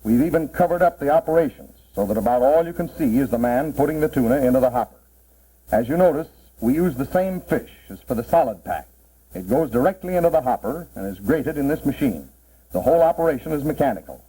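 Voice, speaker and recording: A man's voice: medium pitch, animated, quick pace, mellow, breathy edge. A man narrating a 1940s promotional film as a cannery guide, in a plain, instructive mid-century style. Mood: matter-of-fact. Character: cannery man proudly explaining the packing process. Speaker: narrator explaining a cannery tour. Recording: muffled, worn 1940s film soundtrack.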